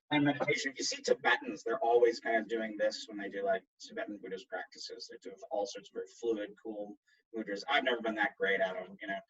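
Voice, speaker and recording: A man's voice: medium pitch, a bit bright, slightly rough, lo-fi sound. A man giving a recorded lecture in a conversational way, with asides and restarts.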